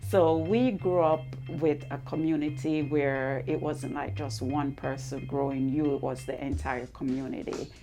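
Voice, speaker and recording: A middle-aged woman answering interview questions in a low, unhurried voice. She speaks in a measured, reflective way, and soft music plays underneath. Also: fairly even intonation. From Jamaica. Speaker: co-founder of a wellness business, interviewee.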